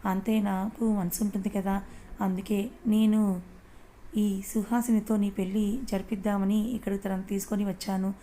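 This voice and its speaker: A woman's voice: mid-range voice, level tone, normal speed, dark tone, close to an everyday voice. A woman voicing a defiant young wife in a read-aloud audio story, speaking in a level, controlled way. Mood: cold.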